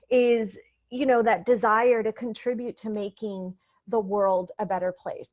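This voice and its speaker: A woman's voice: fairly high pitch, a little mellow, lo-fi sound. A woman from Puerto Rico, a coach and speaker, telling her story in an earnest, reflective way during a stage interview. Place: convention expo venue.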